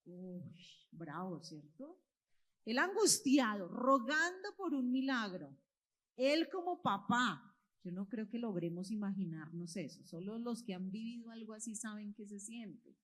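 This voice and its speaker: A woman's voice: mid-range voice, measured pace. A woman, telling a Bible story to children and parents in church and quizzing them as she goes. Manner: expressive, quizzes the listeners. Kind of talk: storytelling sermon to families. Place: church hall with children present.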